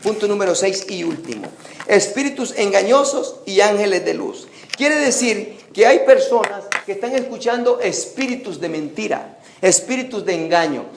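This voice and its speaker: A male pastor preaches in Spanish in a reverberant church, his voice set a little high. He reads the scripture in slow, weighty phrases, then builds to emphatic calls. A faint room ambience hangs behind him. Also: slight background noise. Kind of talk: Pentecostal-style sermon. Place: church sanctuary. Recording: echoey church hall recording.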